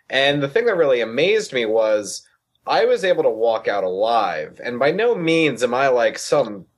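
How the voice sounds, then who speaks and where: A man speaking as an activist guest in a casual, rambling conversation. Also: mid-range voice. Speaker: interview guest, political activist.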